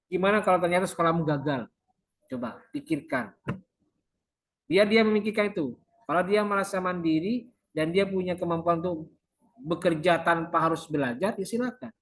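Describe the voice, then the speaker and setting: Male lecturer explaining with rhetorical questions. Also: on the high side. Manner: explanatory, repeats terms in English then Indonesian. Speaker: university lecturer. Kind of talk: classroom lecture.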